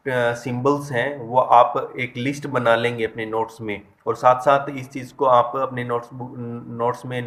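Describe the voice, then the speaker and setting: A man's voice: mid-range voice, fairly bright tone. A man teaching English vowel sounds, explaining step by step, stressing example words and often correcting himself. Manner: explains step by step and addresses students directly; frequent hesitations and self-corrections. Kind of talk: online lesson.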